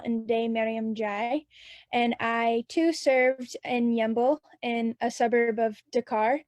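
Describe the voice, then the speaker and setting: Even-toned woman, dry close sound. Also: on the high side, dry recording. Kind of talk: self-introduction in an online presentation.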